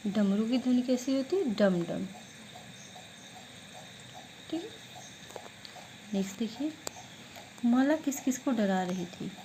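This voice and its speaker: A woman teacher giving an online class lesson, who asks questions and answers them herself, drilling words slowly syllable by syllable. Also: fairly high pitch, expressive, dark tone, a little hiss or hum, low-quality recording.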